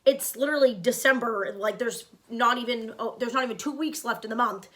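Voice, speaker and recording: A woman co-hosting a casual reaction video, gushing and excitable with lots of fillers. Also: a little high, a little fast.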